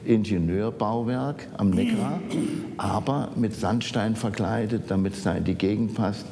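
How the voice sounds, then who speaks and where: In a big office archive room, echoey and filled with a low rumble, an elderly Saarland man reminisces in conversation. This architect, aged 70s or 80s and interviewed as an eyewitness, sounds mellow as he haltingly searches for words.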